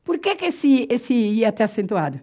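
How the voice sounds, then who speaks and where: Lively Brazilian woman teaching grammar. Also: a little high. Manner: lively, repeats and spells out words slowly, asks rhetorical questions. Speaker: Portuguese teacher. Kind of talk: exam-prep grammar lesson.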